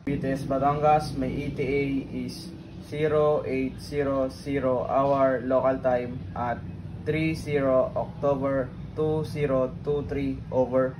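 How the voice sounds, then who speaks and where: A man playing a ship's radio officer, speaking in measured, formal radio procedure. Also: medium pitch, level tone, close to an everyday voice. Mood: formal, steady. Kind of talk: formal scripted maritime radio exchange. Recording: very noisy background ambience.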